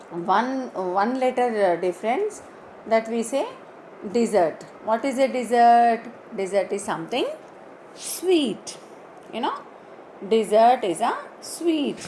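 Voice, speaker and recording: A woman teaching an online English lesson, slowly spelling out words letter by letter and repeating them. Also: on the high side, a little mellow, slight background noise, low-quality recording.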